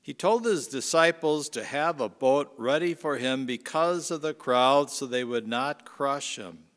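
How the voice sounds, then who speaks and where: A male priest proclaims the gospel and then preaches, his pace slow and deliberate. His voice sits at an ordinary pitch for a man. It carries a cathedral echo, a long reverb filling the large church. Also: a bit bright. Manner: measured, unhurried liturgical delivery. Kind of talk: gospel reading and homily.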